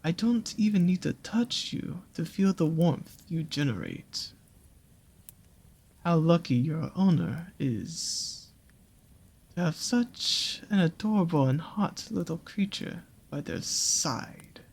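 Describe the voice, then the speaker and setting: A performer voices a seductive naga monster from a dark forest in an intimate audio roleplay, speaking very slowly in a husky, breathy, mid-range voice. The animated, exaggerated lines swoop and curl with teasing, possessive menace. Each phrase is drawn out to coax the listener closer.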